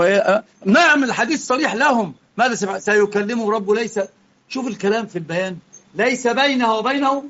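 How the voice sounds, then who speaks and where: Quick-talking egyptian teacher lecturing, heated then quiet, muffled sound. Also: male voice, high voice. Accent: Egyptian Arabic. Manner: impassioned, swings from quiet explaining to heated rebuke. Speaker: religious teacher. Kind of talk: religious lesson lecture.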